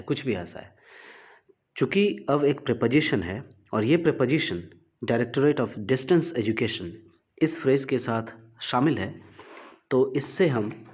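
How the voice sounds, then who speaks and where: Guy teaching grammar for exams, patient step by step, medium pitch, kinda dull lo-fi audio. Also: darkish tone, slightly rough. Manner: patient, explains step by step, reads example sentences slowly and deliberately. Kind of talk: explaining exam grammar questions in Hindi.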